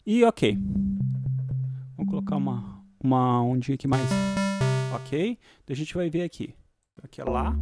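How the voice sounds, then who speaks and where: A Brazilian man with a medium-pitched, animated, darkish voice speaks at a normal speed, pausing often. Indoors, he voices over a screen recording for a casual music production tutorial, thinking aloud informally and checking in with frequent short tag questions.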